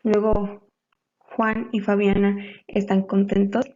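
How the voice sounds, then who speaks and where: A woman's voice: mid-range voice, little pitch movement, takes it slowly, darkish tone. A young woman giving a class presentation on grammar, explaining hesitantly with fillers. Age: young adult. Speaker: student presenter. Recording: dull lo-fi recording.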